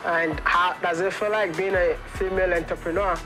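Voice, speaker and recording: A man's voice: sits high, fairly even intonation, fairly quick, over music, poor audio. A Ghanaian man with a Ghanaian accent, interviewing a guest in an eager, upbeat way. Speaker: interviewer, vlogger. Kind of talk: on-location interview.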